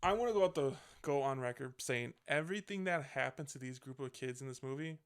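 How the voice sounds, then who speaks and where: Podcast host, male, gravelly edge, loose rambling recap style with casual swearing. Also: medium pitch, expressive, fairly quick. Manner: rambling, swears freely, self-correcting. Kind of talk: casual movie review chat.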